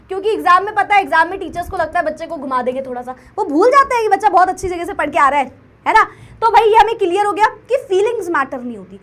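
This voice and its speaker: A woman's voice: very high-pitched, a bit bright. A young woman teacher giving an online class, playful and teasing, often slipping into English.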